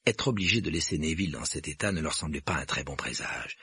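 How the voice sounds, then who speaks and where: A man narrating an audiobook with expressive storytelling. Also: rumbling low, fast talker, breathy edge. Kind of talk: scripted narration.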